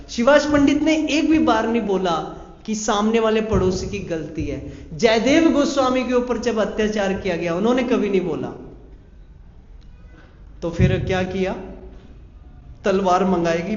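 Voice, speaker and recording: A man telling a devotional story as a sermon, animated and full of rhetorical questions. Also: sits high. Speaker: preacher. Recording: echoey hall, dull sound.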